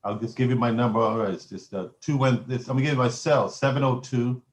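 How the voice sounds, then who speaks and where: A man's voice: mid-range voice, fairly even intonation, fast. A man who runs radio stations, talking with emphatic enthusiasm on a podcast. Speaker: radio station owner, guest. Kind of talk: casual podcast chat. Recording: roomy echoey room.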